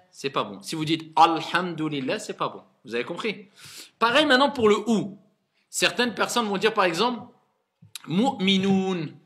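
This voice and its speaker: A male imam leads a reading class with a bright, fairly high voice. He coaxes his students along and repeats each sound so they can echo it back. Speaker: imam teaching Arabic reading. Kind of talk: classroom lesson.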